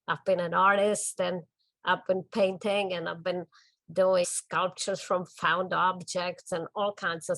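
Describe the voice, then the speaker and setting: Interviewed for a documentary at her home studio, an older Czech-accented woman from the Czech Republic speaks thoughtfully and gently about her art, with little pauses. The voice is lowish, there's no room sound, and the recording is low in quality.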